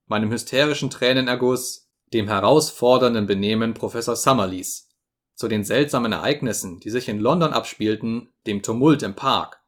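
Male audiobook narrator, steady reading. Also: medium pitch.

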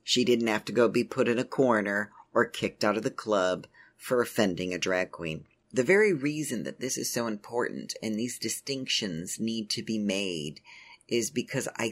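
A middle-aged woman hosting a podcast, telling a personal story in a measured, earnest way. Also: very deep voice, slightly rough. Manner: measured, earnest, speaks in drawn-out phrases. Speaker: podcast host.

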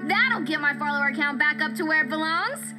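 A woman voicing an excitable, self-promoting teenage vlogger in an animated series, showy and chipper. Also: sits high, fairly quick, over loud music. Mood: excited.

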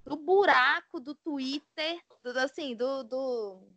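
A woman's voice: high-pitched, slow pace, fairly bright tone, dry recording. A woman with a Brazilian Portuguese accent, a podcast guest, chatting casually in blunt, rambling bursts. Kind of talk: casual chat.

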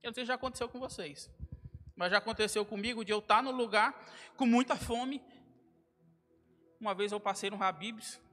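A young man with a high-pitched voice preaches casually in a church hall, talking a little fast, pausing often, and acting out the dialogue in his stories. He calls listeners "cara" and "irmão," with long hall reverb and loud guitar music behind him.

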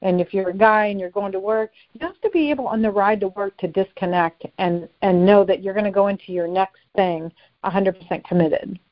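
A woman with a mid-range voice speaks briskly while being interviewed as a personal development expert. Her advice is earnest and direct, and the lo-fi recording sounds slightly dull.

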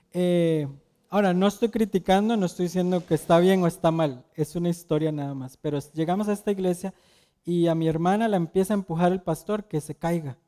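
Man preaching with a mellow, slightly high voice. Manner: asks the audience questions and tells personal stories. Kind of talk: conversational sermon.

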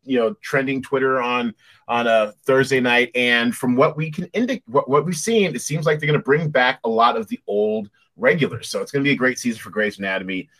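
A man with an American accent hosting a casual review chat, talking in an animated way with conversational asides. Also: medium pitch, a little fast. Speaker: show host.

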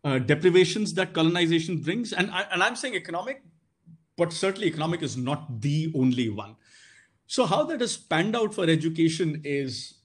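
A man's voice: fairly high pitch, husky. A man with an educated, posh Indian accent giving considered, articulate and formal interview answers, often rephrasing as he goes. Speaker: guest, English teacher and boarding school housemaster.

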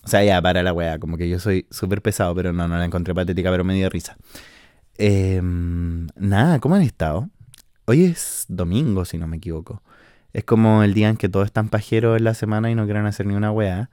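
A deep, smooth, mellow voice moves fairly quickly in this echo-free, studio-quality clip. It belongs to a Chilean man in his twenties who hosts a podcast from his countryside home, chatting casually in a monologue full of slang, swearing, and fillers.

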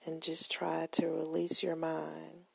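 Close to the microphone with no echo, a woman with a deep, soft, breathy and husky voice leads a guided relaxation meditation. Her gentle, soothing, unhurried instructions come in a completely flat delivery.

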